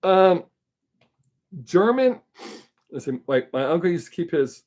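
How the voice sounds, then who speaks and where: Answering viewer questions on a relaxed livestream, this middle-aged Southern-drawling American rambles, chats, and speaks frankly, cursing now and then. His pitch is fairly high with big swings, his pace a little slow, his tone a bit mellow.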